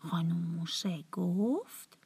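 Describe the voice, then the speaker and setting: A woman telling a bedtime story to children in a soft, often half-whispered, tender voice. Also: lowish voice, gravelly, husky, no room sound.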